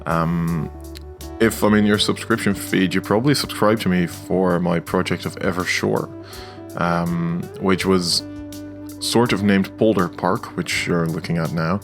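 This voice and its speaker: Faint guitar music backs this young Dutch man as he chats over his own gameplay footage, hesitating often and using lots of filler sounds. A video game creator with a Dutch accent, he speaks in a deep, steady voice with vocal fry and an unhurried pace.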